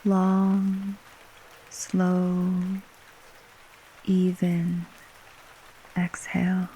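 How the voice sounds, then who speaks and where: A woman narrating a bedtime sleep story as guided relaxation, gently and unhurriedly, with long pauses between short phrases. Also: lowish voice, slight background noise, low-quality recording. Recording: steady rain ambience behind voice. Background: rain falling.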